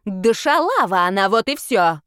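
A woman's voice: mid-range voice, very animated, normal speed, clear, resonant tone, dry recording, studio quality, natural voice. A woman voicing a brawling, scandalous middle-aged woman in a storybook, rowdy and accusing. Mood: raging.

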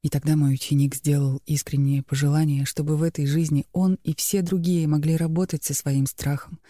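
A man calmly reading a spiritual book aloud as a narrator, in a measured, even manner. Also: on the high side, no room sound, clean studio sound. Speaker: audiobook narrator.

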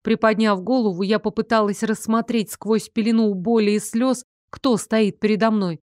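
A woman narrating a first-person fantasy novel in a steady, expressive storytelling voice. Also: a little high, normal speed, no echo, studio quality. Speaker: audiobook narrator.

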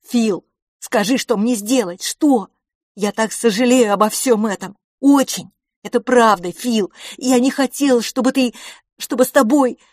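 A woman voicing a frightened young boy who begs his silent twin brother, his pleas loud and cracking. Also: on the high side, a little slow, no echo, studio quality, pitched above the performer's own voice. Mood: pleading. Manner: desperate, pleading, voice cracking.

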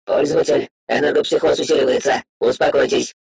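A man voicing an inner system that makes flat, formal announcements in an audiobook. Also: medium pitch, brisk, gravelly, slightly rough, no echo, pitched above the performer's own voice. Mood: announcing. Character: cold system voice in a boy's head. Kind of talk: audiobook reading.

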